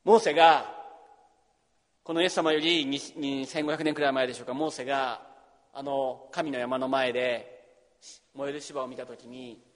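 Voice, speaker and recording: A man preaching a sermon as pastor, swinging between loud emphasis and hushed near-whisper in a church hall. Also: medium pitch, steady tone, normal speed, pauses often.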